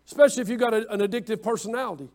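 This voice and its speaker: A man's voice: high voice, very fast, darkish tone. A man preaching a sermon as pastor in a church, building to emphatic swells with repeated phrases. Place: church sanctuary.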